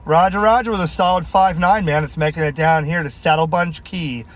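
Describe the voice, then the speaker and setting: The man's voice is a little high and a little fast as he chats casually on his CB radio from a vehicle, friendly and full of call signs and lingo. He hosts the video, and the clear recording carries vehicle sound, radio noise, and clicks behind him.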